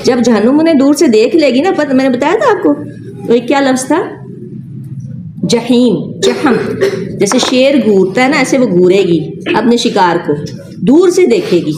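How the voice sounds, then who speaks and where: A woman's voice: sits high, animated, background noise. Questioning woman teaching Quran. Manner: asks the class questions and repeats words slowly. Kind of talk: classroom tafseer lesson.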